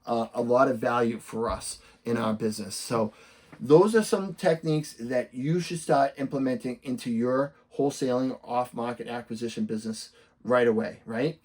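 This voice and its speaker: A man's voice: mid-range voice, normal speed, a little mellow. A man with a Boston accent coaching real estate sellers' agents, talking emphatically and acting out upbeat sample messages. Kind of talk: instructional talk to camera.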